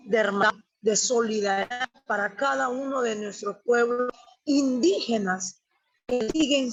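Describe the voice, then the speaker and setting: A woman's voice: mid-range voice, fairly bright tone, husky. Emphatic woman giving a speech. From Honduras, la Mosquitia. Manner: emphatic, declamatory, with long lists. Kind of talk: formal webinar address. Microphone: webinar audio feed. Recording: dull lo-fi webinar audio.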